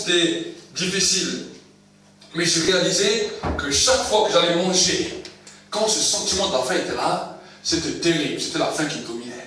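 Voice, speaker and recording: A man's voice: high voice, bright, forceful tone. A man preaching a sermon, telling personal stories with emphatic repetition. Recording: very echoey room, far from the mic, faint noise.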